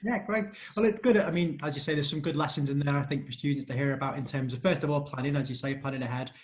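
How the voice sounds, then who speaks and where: A man's voice: a little high, quick pace. A man interviewing a guest, summarizing his answers and adding "isn't it" tags. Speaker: interviewer from a college.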